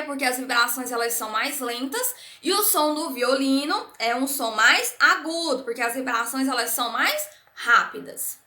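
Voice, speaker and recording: A Brazilian woman teaching a recorded primary school science lesson. Her voice is high and bright. She explains things step by step, repeating herself and checking with the class, and the sound has the echo of a room. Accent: Brazilian Portuguese. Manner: patient, repetitive explaining with frequent "né?" and "certo?".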